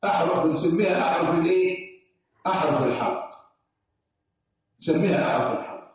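A man's voice: fairly high pitch, quick pace. Egyptian man lecturing in an echoey room. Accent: Egyptian Arabic. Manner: sing-song explaining, asks class questions. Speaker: teacher of Quran recitation. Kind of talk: classroom lecture. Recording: echoey room, distant dull mic.

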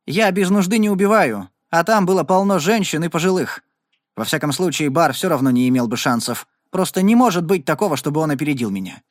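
Male reader as a fearless gunman: even, quiet, never boasting. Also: on the high side, fairly quick, no room sound, studio quality, natural voice. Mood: calm. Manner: calm, even, unboastful.

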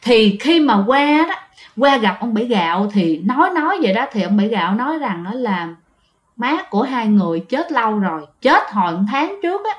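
A woman's voice: fairly high pitch, big pitch swings, brisk, lo-fi sound. Chatty Southern Vietnamese woman storyteller. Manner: chatty, addresses listeners directly. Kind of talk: spoken ghost-story narration.

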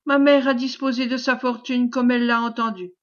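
A woman's voice: fairly high pitch, flat delivery, a little fast, muffled recording, lightly acted. A woman reading aloud, voicing a calculating oil merchant who answers his brother in a cold, curt, condescending way.

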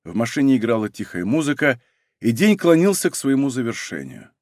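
A man narrating an audiobook in a lively, expressive reading. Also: medium pitch, fairly quick, no room sound, studio quality. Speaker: audiobook reader.

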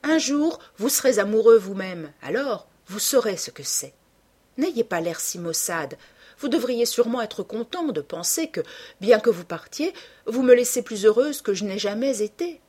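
A woman voicing Sibyl, a joyful, dreamy young actress in love, speaking brightly and with exclamations. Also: on the high side, expressive, normal speed, husky, voice pushed up.

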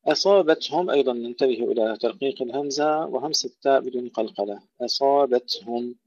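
A man teaching Quran recitation, who recites phrases slowly and loudly and then explains each rule in a plain teaching voice. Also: medium pitch, no echo. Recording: dull, dry lo-fi recording.

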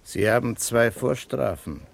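A male actor plays a stern, doubting police inspector in a German radio crime drama from the 1960s. With a gravelly, medium-pitched voice, he questions in a dry, sarcastic way, animated yet a little slow.

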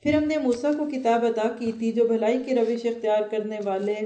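A woman's voice: fairly high pitch, dark tone, echoey room. A woman giving an earnest Quran commentary lecture, often asking her listeners questions. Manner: earnest, asks the audience questions. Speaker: Quran teacher.

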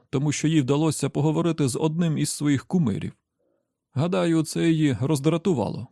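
A shrewd older man laying out his reasoning in a measured, deliberate way, read by a male audiobook narrator. The voice is slightly high but mellow, with a gravelly fry. The recording is dry and close. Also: dry recording. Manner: measured, explaining step by step. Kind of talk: audiobook character voice.

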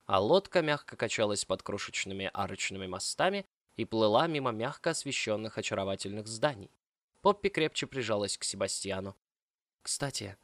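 Low-voiced male audiobook narrator. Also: no echo. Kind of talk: scripted narration.

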